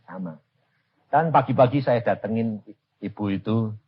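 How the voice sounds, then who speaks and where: A man with a Javanese-influenced Indonesian accent preaching a storytelling sermon, humorous and animated, acting out dialogue. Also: fairly low pitch, moderate pace, husky, muffled recording. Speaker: evangelist preacher.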